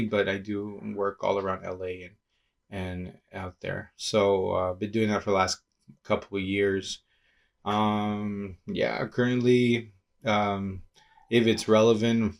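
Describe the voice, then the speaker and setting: A man from Peru, a pastor and community organizer, talking casually in an interview, thoughtful and halting with many restarts. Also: lowish voice, vocal fry.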